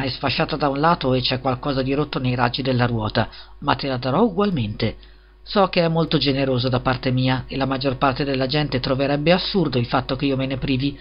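A man's voice: mid-range voice, lightly acted. Man voicing a greedy, preachy fairy-tale miller. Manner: wheedling, preachy. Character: greedy, self-serving, smooth-talking male miller. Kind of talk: storybook reading. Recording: slightly dull lo-fi recording.

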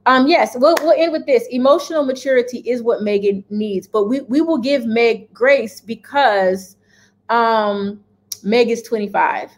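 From her kitchen at home, a lifestyle vlogger in her thirties chats casually to camera about her opinions. Her voice is a little high and unhurried, her manner direct and emphatic, and she often checks in with "okay?".

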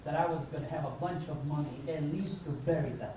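Fairly high-pitched and quick, a middle-aged man with a Mexican accent and Spanish as his first language tells his life story as a motivational speaker, acting out dialogue with animation. Heard through a distant audience camera, the conference room echoes and crowd noise comes through.

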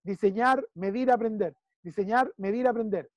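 High-voiced Chilean man coaching a client. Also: moderate pace, darkish tone, dry recording, dull audio. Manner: emphatic, repeats key phrases, checks in with "¿sí?". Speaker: business consultant. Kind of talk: one-on-one coaching session.

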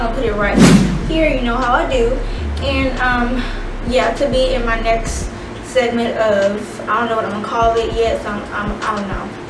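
A young woman chatting casually to camera with sassy, profane slang, her speech muffled and slurred as if her mouth were stuffed with gauze. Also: on the high side. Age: young adult. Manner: sassy, animated. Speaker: YouTube advice host. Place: indoor studio with plain backdrop. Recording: roomy, distant mic with clear noise.

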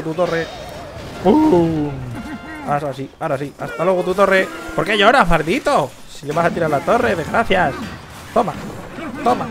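Excitable young man cheering on gameplay. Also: gravelly. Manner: cheers and shouts at the screen, swings from loud excitement to low mutters. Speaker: gaming youtuber. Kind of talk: excited game commentary. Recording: game music playing behind the voice.

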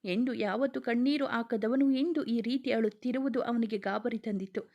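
A woman storyteller reading a romantic story in a steady, descriptive narration. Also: a little high, normal speed, muffled recording.

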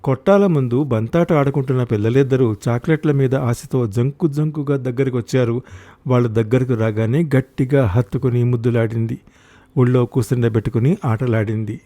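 A man narrating a short story for an audiobook in a measured, expressive way. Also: mid-range voice.

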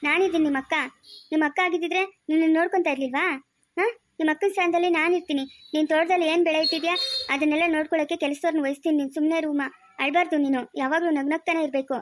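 A woman's voice: high voice, fairly even intonation, racing, no echo, studio quality, natural voice. A woman playing a firm but kind policewoman who talks sternly and comforts like an elder sister in a family moral drama. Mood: soothing.

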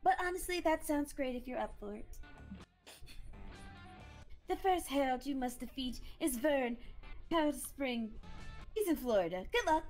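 A woman voicing a grand, warm male summer spirit in a video game, formal and proclaiming. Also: high-pitched, animated, normal speed, long pauses, faint music behind, rough recording. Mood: encouraging, grand. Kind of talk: live read of visual novel game dialogue.

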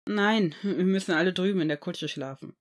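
A shy teenage boy wizard, read by a woman in a fan-made audiobook. He speaks in a hesitant, halting way and sounds a little embarrassed. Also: fairly low pitch, close to an everyday voice.

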